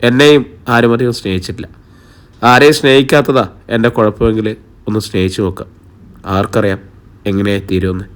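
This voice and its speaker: Man doing rough ex-tough turned tender, low, subdued, confiding, storybook. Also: a little fast, long pauses, close to an everyday voice. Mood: reflective. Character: rough but softening man, a former tough. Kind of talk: audiobook reading.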